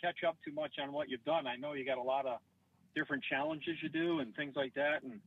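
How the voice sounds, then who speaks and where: A stand-up comedian joins a casual podcast by phone from his parked car, joking and poking fun at himself. He speaks a little fast at a medium pitch with a steady tone, and a loud crowd can be heard. The call comes through muffled and lo-fi.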